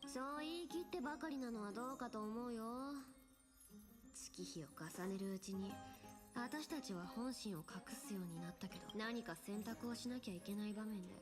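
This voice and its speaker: A woman's voice: mid-range voice, animated, normal speed, music in the background, lightly acted. A woman voicing a sly, breezy young female treasure-loving thief in an anime game, with a casual, teasing, cocky delivery. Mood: persuasive, teasing. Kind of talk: Japanese anime game voice acting.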